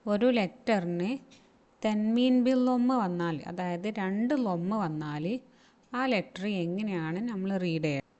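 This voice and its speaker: A woman's voice: medium pitch, measured pace, a little mellow, dull audio. A woman teaching Arabic reading in Malayalam, explaining each rule and repeating every word two or three times. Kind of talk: slow spelled-out reading lesson.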